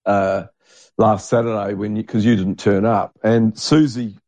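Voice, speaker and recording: A man's voice: on the low side, steady tone, measured pace, warm tone, no room sound. A man, co-hosting a casual podcast and rambling while he searches for names. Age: 60s. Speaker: podcast co-host. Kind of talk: casual chat.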